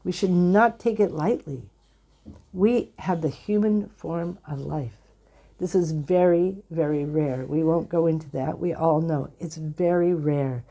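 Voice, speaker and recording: A woman giving a devotional talk, teaching with earnest, gentle storytelling and quoted asides. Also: deep voice, unhurried. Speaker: spiritual teacher. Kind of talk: devotional discourse.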